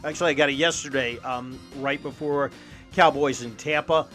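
A man reading a fast legal disclaimer at the end of a sports show ad. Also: medium pitch, steady tone, fairly bright tone, faint music behind.

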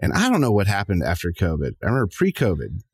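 A man's voice: low-pitched, wildly swooping pitch, quick pace, breathy edge, no echo, studio quality. A man hosting a podcast in a playful, informal, chatty way. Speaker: podcast host. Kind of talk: casual chat.

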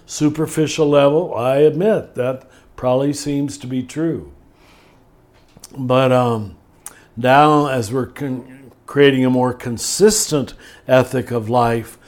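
An older man speaking as a spiritual teacher in a podcast conversation, thoughtful and measured, slowing down to stress key words. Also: mid-range voice, darkish tone.

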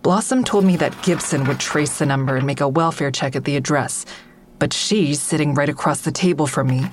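Fairly quick and lightly acted, a low female voice carries the first-person narration and dialogue of an audio drama. The actress plays its narrator and lead, a guarded, agitated, sardonic woman, sounding exasperated in a tense, brooding mood.

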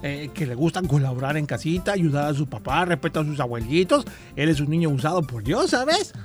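High-voiced playful man on children's radio. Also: a little fast, faint music behind. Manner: playful, animated, teasing. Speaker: children's radio show co-host.

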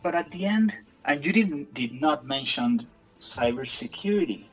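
A man's voice: fairly high pitch, animated, normal speed, slightly rough, highs cut off, faint music behind. A man whose first language is Spanish, hosting an interview and asking questions in English hesitantly, with a Spanish accent. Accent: Spanish-speaking. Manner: hesitant, many fillers and restarts. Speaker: podcast host, interviewer.

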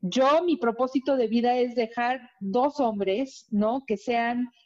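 A woman's voice: a little high, slow pace, a little mellow. Woman co-host on dull audio. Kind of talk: casual TV chat.

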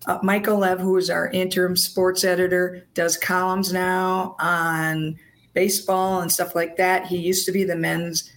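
A woman sports reporter, hoarse with laryngitis, talking casually and earnestly on a podcast in a halting way. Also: on the low side, level tone.

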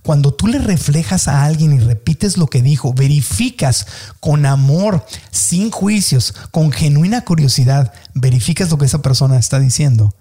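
A man with a Mexican accent, hosting a motivational podcast and coaching listeners earnestly, stretching key words slowly. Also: on the high side, warm tone, husky. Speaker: podcast host.

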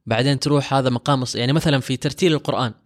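A man's voice: medium pitch, rapid-fire. A man with a Saudi accent, an oud player, talking reflectively in a casual discussion. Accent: Saudi Arabic.

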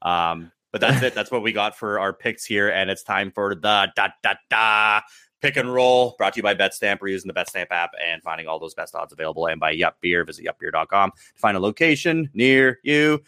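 A man's voice: low voice, fairly quick, few pauses, bright, forceful tone, dry recording, studio quality. A man hosting a sports betting podcast, reading out his picks in a loose, casual way with plenty of swearing and laughter.

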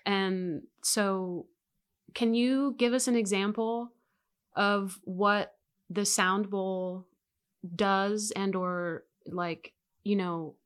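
A woman's voice: medium pitch, steady tone, very slow, clear, resonant tone. A woman hosting a podcast interview, asking questions casually and searching for her words. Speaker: podcast host.

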